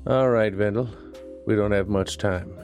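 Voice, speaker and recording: A man narrating and voicing a private investigator in a noir audio drama, with a dry, deadpan wit. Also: on the low side, moderate pace, soft background music.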